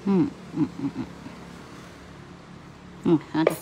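A woman nail technician with a Southern Vietnamese accent, gently reassuring her client and explaining to viewers as she works. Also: slow, background noise. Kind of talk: livestream commentary while working.

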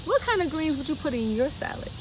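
Outdoors on a garden bench, a woman reads a picture book aloud to children, playfully quizzing them between rhymes in a high, fast voice with big pitch swings. A camera a few feet away captures her, with insect noise clearly audible.

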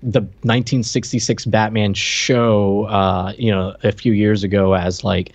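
Speaking unhurriedly and flatly in a lowish voice with no echo, this middle-aged podcast co-host chats casually on a film review stream. He's close to a desk microphone on a video call, and the stream sounds slightly dull.

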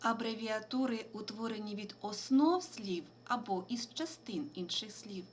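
A woman teaching a remote school lesson, explaining clearly and spelling out letters slowly and deliberately. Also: medium pitch, a little hiss or hum.

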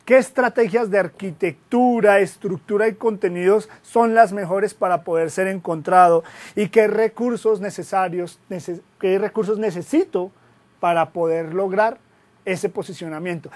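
A man, a guest web consultant giving a classroom lecture, lively and asking rhetorical questions. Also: sits high. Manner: lively, asks rhetorical questions, jokes at himself.

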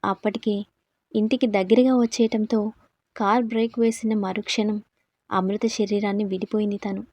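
Mellow woman narrating a dramatic story. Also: mid-range voice, level tone, normal speed, dry recording. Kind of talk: scripted narration.

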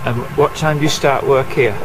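A man's voice: mid-range voice, fairly even intonation, moderate pace, music in the background, poor audio. A man chatting casually with people on a city street, asking friendly questions from behind the camera. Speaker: street interviewer. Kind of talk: casual street vox pop.

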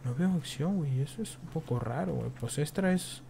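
A young Mexican man with a slightly high-pitched voice, talking over his own gameplay. He swears freely and fills almost every phrase with street slang, in a loose, rambling commentary. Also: animated, fairly quick, gravelly, mellow, a little hiss or hum. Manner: profane, slangy, says "güey" after nearly every phrase. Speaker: gameplay streamer.

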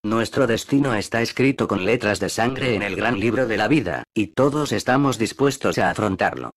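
A man's voice: fairly low pitch, lively intonation, normal speed, no echo, clean studio sound, lightly acted. A man voicing an earnest young woman in an adventure audiobook, pleading in an earnest manner.

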